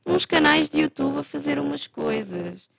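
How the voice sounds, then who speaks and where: A woman's voice: fairly low pitch, huge pitch swings, normal speed, vocal fry, a loud crowd. A woman chatting casually as a podcast guest, her voice coming through a distorted, clipping microphone. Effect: distorted, clipping mic sound. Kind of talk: casual podcast chat over voice call. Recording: distorted online call audio.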